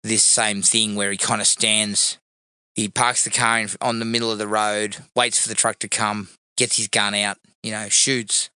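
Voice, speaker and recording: Animated man with a cold. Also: fairly low pitch, normal speed, clear, resonant tone, no room sound. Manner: animated, swearing, jokey. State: recovering from a cold. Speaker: podcast co-host. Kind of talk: casual movie commentary.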